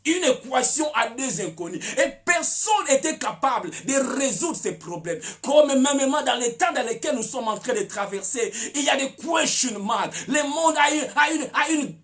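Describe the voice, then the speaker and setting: Pasteur prêcheur à la voix très animée. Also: male voice, very high voice, animated, moderate pace, few pauses, faint music behind. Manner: preaching with shouted peaks and many repeated words. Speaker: pastor. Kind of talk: sermon.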